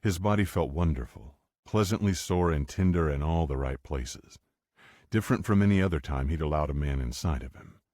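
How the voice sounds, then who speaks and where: A man reading an audiobook romance in a steady, unhurried narration. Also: rumbling low, no room sound, clean studio sound. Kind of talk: scripted narration.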